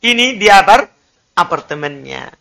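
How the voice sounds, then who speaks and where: A man's voice: sits high, very animated, normal speed, gravelly, sharp tone. A man teaching an Arabic lesson in a classroom, drilling students with repeated prompts and light teasing.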